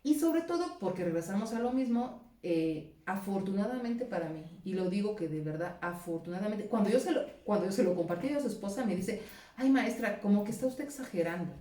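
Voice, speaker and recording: Woman, school principal, animated storytelling, warm mellow voice, roomy echo, a bit off-mic. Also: mid-range voice, a little fast, hardly any pauses, far from the mic. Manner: animated storytelling, acting out quoted exchanges. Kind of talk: recounting a personal anecdote.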